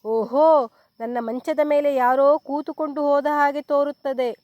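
A woman voicing a big bear who shouts out loud, booming exclamations in a storybook reading. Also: moderate pace, dry recording, muffled recording, lightly acted. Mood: roaring. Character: big bear, gruff and roaring.

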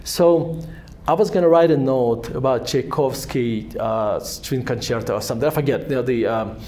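Mid-range and dark in tone, his voice moves at a moderate pace. The Russian-accented man in his forties is an author appearing as the guest at a fireside chat in a synagogue hall, speaking into a handheld microphone with wandering, self-mocking stories that keep restarting.

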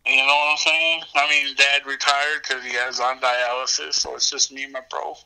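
A man's voice: medium pitch, level tone, normal speed, creaky, bright, forceful tone, clean tone, rough recording. A man talking on a speakerphone call in a laid-back, slangy way. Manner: laid-back and slangy, says "bro" a lot. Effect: heard over a phone speakerphone. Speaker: phone caller. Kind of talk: casual phone chat.

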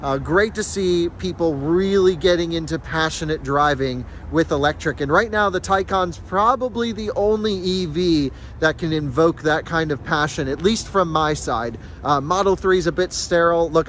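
A young man with a slightly high voice talks eagerly to his phone camera, filming himself outdoors at night. Faint traffic and car noise hum in the background of this casual vlog. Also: a bit bright. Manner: enthusiastic, thinking aloud. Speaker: car channel host. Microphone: phone camera at arm's length.

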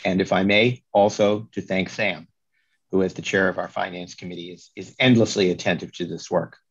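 A man's voice: sits low, fairly even intonation, moderate pace, breathy edge, highs cut off. A man with a Boston accent, serving as executive director, politely thanks the staff at a council meeting in a formal, self-correcting way.

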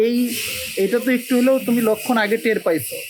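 A man with a very high voice and a Bangladeshi Bengali accent talks fast as the channel host, interviewing on location in a village. He asks informal, probing questions over noisy crowd chatter.

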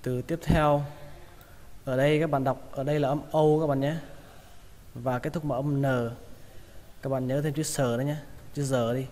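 A man teaching English pronunciation, repeating each word slowly in drills. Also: medium pitch, fairly even intonation, mellow. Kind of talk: pronunciation lesson. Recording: long hall reverb.

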